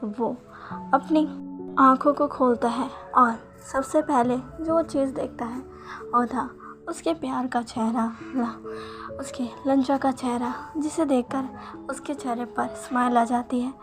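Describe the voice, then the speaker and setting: Woman reading a fanfic story out loud, pretty high voice, soft music behind. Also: fairly even intonation, measured pace. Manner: reads every character in much the same voice. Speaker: fanfiction narrator. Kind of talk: storytelling narration with character dialogue. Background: faint background music.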